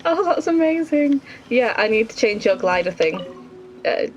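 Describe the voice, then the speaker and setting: Fairly high-pitched and very animated, this woman's voice has a darkish tone and a moderate pace. She's a streamer giving relaxed, conversational commentary as she plays, reasoning aloud and reacting vividly, over faint game music in a slightly dull recording.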